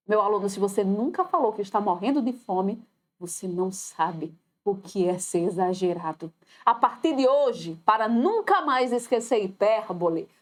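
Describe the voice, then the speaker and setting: Professora brasileira animada, voz aguda. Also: female voice, on the high side. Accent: Brazilian Portuguese. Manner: lively, addresses students directly, acts out quoted voices. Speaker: teacher. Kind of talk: recorded online exam-prep lesson.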